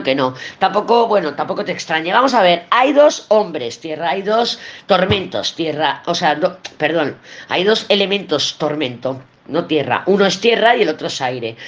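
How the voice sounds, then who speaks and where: A woman's voice: on the low side, dull audio. A woman with a Spain Spanish accent giving a weekly tarot reading, blunt and emphatic, swearing and repeating herself for emphasis. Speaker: tarot reader.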